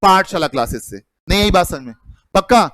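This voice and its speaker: A man's voice: high-pitched, animated, brisk, fairly bright tone, dry recording. A middle-aged man teaching an accounting class, calling students "beta" and firing repeated questions at them. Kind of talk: classroom lecture.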